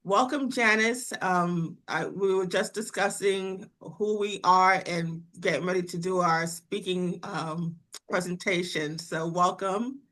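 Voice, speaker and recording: A woman from Trinidad and Tobago hosts a roundtable meeting on a video call. Her voice is a bit low and she talks slowly, encouraging each guest to speak. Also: a bit bright. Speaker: roundtable host.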